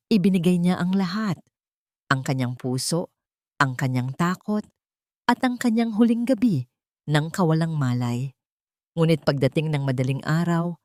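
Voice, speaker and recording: Reading a scripted audio drama, a woman narrator uses her fairly low voice to create emotion and suspense, moving widely in melody. The recording is dry and close, with no room sound around it.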